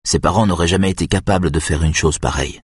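Deep, husky male narrator. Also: fast, no echo, studio quality. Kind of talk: audiobook narration.

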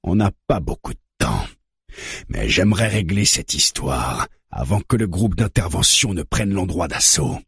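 A man voicing a calm, steady male police negotiator who reasons deliberately. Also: low voice, creaky, slightly rough, no room sound, studio quality, heavily acted.

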